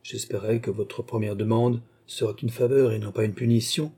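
A man reading an audiobook who voices an effusive, eager French king with excited, exclamatory lines. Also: fairly low pitch, moderate pace, husky. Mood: surprised. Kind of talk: audiobook character voice.

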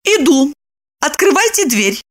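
A woman voicing a proud, touchy young woman who takes offense quickly and speaks in a shrill, indignant way. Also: big pitch swings. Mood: sharp.

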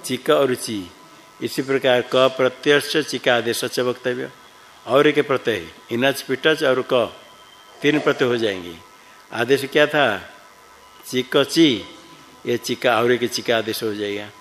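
A man teaching Sanskrit grammar in a class, reciting rules slowly and patiently quizzing his students. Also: mid-range voice, fairly bright tone, faint music behind, low-quality recording.

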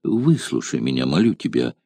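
A towering Germanic warrior man pleads, impassioned and lovesick, in a deep, dark voice, as a male narrator puts him on. The storybook reading sits dry and close. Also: sing-song, moderate pace, vocal fry, dry recording, full character voice. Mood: pleading.

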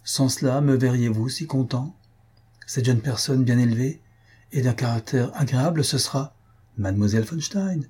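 A man's voice: medium pitch, normal speed, warm tone, husky, natural voice. A man voicing a gallant young count, courteous and eager.

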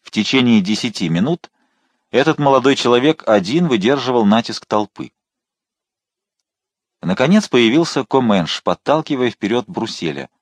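A man narrating an adventure novel as an audiobook, in an expressive, dramatic reading style. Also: mid-range voice, moderate pace, no room sound. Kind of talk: scripted narration.

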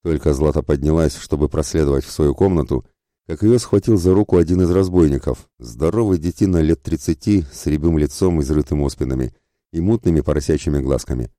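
A man narrating an adventure audiobook in a steady, measured storytelling manner. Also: rumbling low, no echo, studio quality. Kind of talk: scripted narration.

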